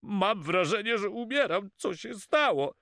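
Guy putting on a loud swearing pirate, higher and bright, drawn out shouts. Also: lively intonation, a little slow, dry recording, clean studio sound, exaggerated voice. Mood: aggrieved. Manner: blustering, shouts sea-themed curses. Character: loud swearing male pirate, hot-tempered adult. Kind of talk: audiobook character voice.

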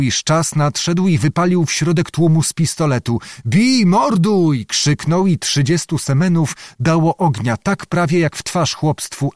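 A man narrating a historical novel in a measured, dramatic reading. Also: medium pitch, a little mellow, dry recording, studio quality. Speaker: audiobook narrator.

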